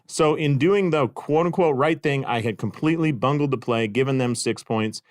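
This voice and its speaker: A man's voice: mid-range voice, normal speed, dry recording, clean studio sound. A middle-aged man hosting a podcast, telling a casual story with self-deprecating humor and frequent fillers. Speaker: podcast host and clinic consultant. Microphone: podcast microphone.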